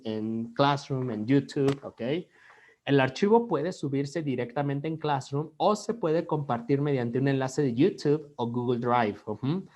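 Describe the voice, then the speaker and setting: A man's voice: medium pitch, a little mellow. A man with a Mexican Spanish accent teaching an online English class, switching between Spanish and English and checking in with "ok?" after nearly every phrase.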